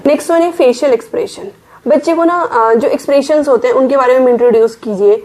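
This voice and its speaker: A woman's voice: sits high, quick pace, darkish tone, a little hiss or hum. A young Indian working mother giving casual parenting advice, explaining step by step and mixing English words into her Hindi.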